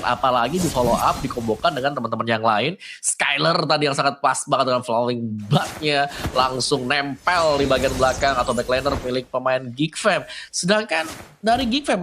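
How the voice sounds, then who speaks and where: A man's voice: medium pitch, a bit bright. A man with an Indonesian accent giving analytical commentary on an esports match. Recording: clear background noise with clicks.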